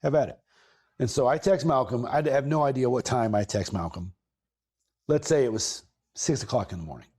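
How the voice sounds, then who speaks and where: A man's voice: mid-range voice, fairly quick, breathy edge. Rambling man telling a story. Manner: rambling and self-correcting, with lively emphasis. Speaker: podcast host. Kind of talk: casual storytelling.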